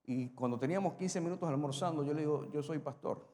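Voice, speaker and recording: Pastor, male, high-pitched, big swings in volume, reverberant hall. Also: fast. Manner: preaching with sharp swings between loud and quiet. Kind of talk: sermon.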